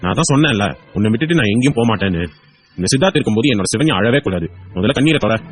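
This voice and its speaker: A man's voice: mid-range voice, animated, very fast, breathy edge, faint music behind. A man voicing a loving young husband in a hospital bed, playful and coaxing. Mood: tender. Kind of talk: audio drama acting.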